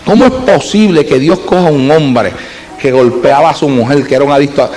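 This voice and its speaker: A man preaching a sermon as a pastor, telling a story and swinging from hushed to fervent. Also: fairly high pitch, fairly quick, poor audio.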